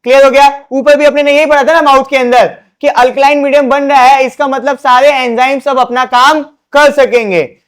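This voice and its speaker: A man's voice: extremely high pitch, fairly even intonation, brisk, few pauses. A man teaching a board exam science lesson, asking questions and answering them himself. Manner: repetitive, drilling.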